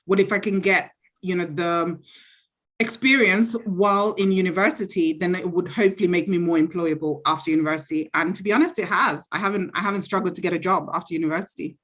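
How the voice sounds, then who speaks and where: A woman from Zambia, around thirty, gives casual interview answers. Her voice sits on the low side and she comes across as chatty and sure of herself, often pausing to reflect. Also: steady tone, a bit bright. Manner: chatty, self-assured, reflective. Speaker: interviewee, university graduate.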